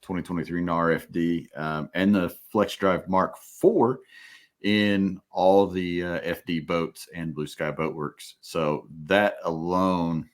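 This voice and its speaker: A man with a very deep voice hosts a laid-back podcast conversation. He talks in an easygoing way, relaxed and unhurried in tone. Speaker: podcast host. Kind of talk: casual chat.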